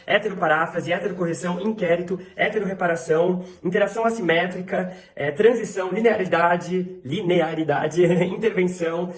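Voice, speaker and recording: Fast-talking Brazilian man, high voice. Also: roomy sound. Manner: quick, listing terms rapidly with fillers. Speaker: English pronunciation teacher. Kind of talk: casual video lesson showing books.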